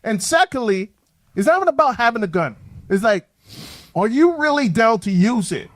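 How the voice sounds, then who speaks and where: A man with a high, lifted voice hosts a reaction show, talking in an animated, emphatic way. His recording is dry and close, with no room sound. He keeps his commentary on the clips casual. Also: moderate pace, dry recording.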